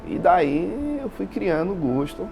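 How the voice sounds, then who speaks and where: A man from Salvador, Bahia, Brazil, speaks with a Bahian accent in a high-pitched, very animated voice with vocal fry, taking his time. As an interview guest who owns an installation business, he tells his own story informally over background music, repeating phrases and often adding tag questions.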